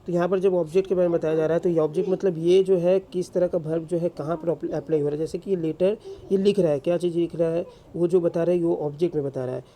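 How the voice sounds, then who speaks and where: A man's voice: a little high, steady tone, quick pace, hardly any pauses, warm tone, slight background noise. A man teaching English grammar in a classroom-style lecture, asking rhetorical questions and answering them himself.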